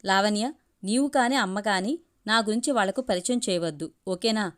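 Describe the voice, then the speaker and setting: A woman's voice: medium pitch, natural voice. A woman reading the lines of a polite, watchful young man who takes charge, in a storybook reading. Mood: low, firm. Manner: courteous, brisk and in control.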